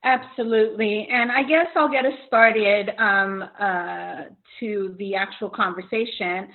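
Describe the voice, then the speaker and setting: Middle-aged woman from Mexico, co-host telling a story, earnest and halting, tinny phone-line sound. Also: mid-range voice, fairly even intonation. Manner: earnest, many fillers and restarts. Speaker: podcast co-host. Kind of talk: casual chat, personal story.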